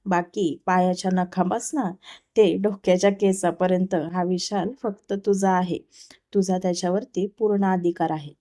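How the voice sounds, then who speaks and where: Playful young husband, teasing and bossy, low-key and mellow, read by a woman. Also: fairly even intonation, moderate pace, lightly acted. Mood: coaxing. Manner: teasing, then scolding.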